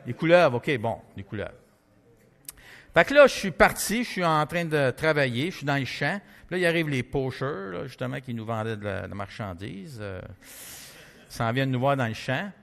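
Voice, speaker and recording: Québécois guy preaching, chatty storytelling, lots of filler words, mid pitch, long hall echo. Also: a little fast, vocal fry. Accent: Québécois French. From Quebec. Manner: lively conversational storytelling, many fillers. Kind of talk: testimony sermon.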